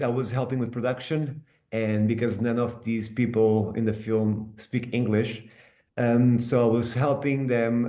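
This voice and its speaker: A man's voice: mid-range voice, mellow, echoey room. A man, an actor who helped produce the film, speaks earnestly at a Q&A. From Portugal. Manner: earnest and heartfelt. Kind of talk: Q&A panel answer.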